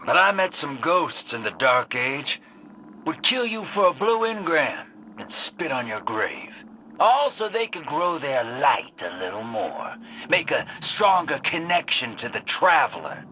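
The Drifter, sly slow-drawling rogue. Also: male voice, a little high, sharp tone, slight background noise, heavily acted. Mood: bitter, warning. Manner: sly, folksy drawl, addressing the listener as kid and partner. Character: shady, cynical roguish male drifter, a distrustful old survivor. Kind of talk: video game character monologue.

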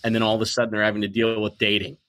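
A man in his forties, a podcast guest talking in an emphatic, animated way, sometimes acting out what people say. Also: on the low side, rapid-fire. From United States. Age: 40s. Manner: emphatic, animated storyteller who acts out quotes. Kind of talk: conversational interview.

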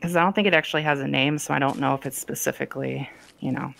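A woman's voice: very deep voice, fairly even intonation, quick pace, vocal fry, fairly bright tone. A woman co-hosting a game stream in a casual, giggly way. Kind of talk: casual chat over gameplay.

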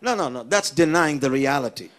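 A man preaching a sermon in short phrases, pausing for an interpreter and building to emphatic exhortation. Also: a little high, expressive, a bit bright. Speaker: pastor. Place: church service.

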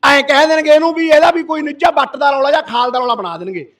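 Man, Punjabi accent, middle-aged, fiery protest speech, very high voice, distant from mic. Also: fast talker. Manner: impassioned, forceful, roaring. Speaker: activist addressing a protest gathering. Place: village protest sit-in. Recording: voice from far off the mic.

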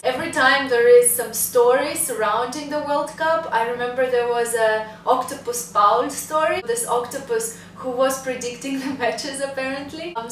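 A young woman talks to her camera in an easy, upbeat vlog style. Her voice sits a touch high. She is a little back from the mic, so the room rings around her and there is faint hiss underneath. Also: reverberant, distant mic, poor audio. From Russia. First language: Russian. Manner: chatty, upbeat, laughs while talking. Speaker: vlogger. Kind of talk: casual vlog talk to camera.

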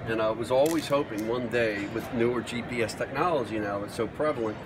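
Picked up by a distant mic on a noisy trade show floor, a middle-aged man speaks at a brisk pace in a medium-pitched voice. He's enthusiastically showing off gear at an indoor booth, asking questions as he goes in a casual demo.

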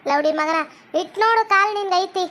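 Shrill scolding woman. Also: normal speed. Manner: scolding, loud, insulting. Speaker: comedy skit actress playing an angry wife.

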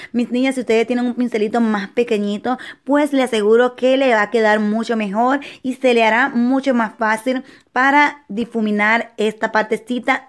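A young woman narrates a makeup tutorial, speaking fondly to her viewers. Her voice sits a little high, and her talk is chatty and full of little diminutives. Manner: affectionate, chatty, lots of diminutives. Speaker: beauty vlogger.

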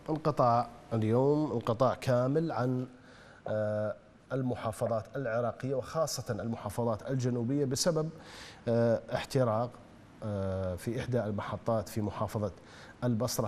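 Brisk call-in show host. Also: male voice, medium pitch, darkish tone, big-room sound. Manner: brisk, reads messages, greets callers.

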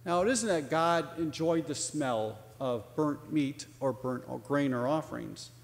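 A man's voice: on the high side, measured pace, creaky. A male pastor preaching a sermon, telling a story and voicing its people in a livelier tone. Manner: storytelling, acts out dialogue in a raised voice. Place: church sanctuary. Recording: long church reverb.

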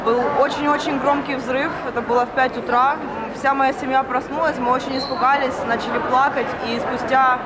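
Young woman, high voice, earnest interview at a rowdy station. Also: little pitch movement, fairly quick, hardly any pauses. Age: 20s. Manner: earnest, emotional. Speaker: refugee with her dog. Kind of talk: street interview. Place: busy train station hall. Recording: loud station crowd noise.

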